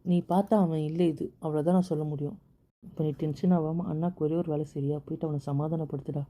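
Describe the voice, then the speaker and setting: A woman doing a calm, pleading older brother. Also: deep voice, fast. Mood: coaxing. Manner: soothing, pleading, keeps repeating calm down. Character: protective older brother, calm peacemaker, male. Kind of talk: amateur audio drama.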